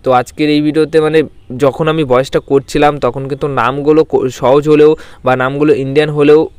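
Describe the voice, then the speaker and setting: A man reading long squad lists as a voice-over, stumbling over names with restarts and filler pauses. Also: fairly high pitch, little pitch movement, a little mellow, clear, resonant tone, no echo. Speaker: YouTube sports channel host.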